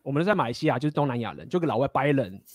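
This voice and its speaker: A man's voice: medium pitch, animated, rapid-fire, a little mellow, no room sound, clean studio sound. A man, casually telling stories and giving blunt, profane dating advice. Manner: blunt, profane, laughing often.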